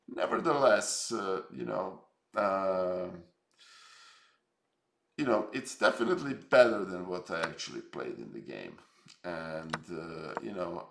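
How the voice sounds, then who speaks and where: A middle-aged man from Serbia with a Serbian accent, reviewing his chess games on a live stream, halting and reflective, with many fillers. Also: fairly low pitch, gravelly, a bit bright, reverberant.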